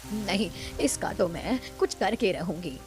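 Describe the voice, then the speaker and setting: Woman voicing a commanding mother-in-law, middle-aged, lower voice, faint music behind. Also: animated, measured pace, natural voice. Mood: irritated. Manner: commanding, scheming.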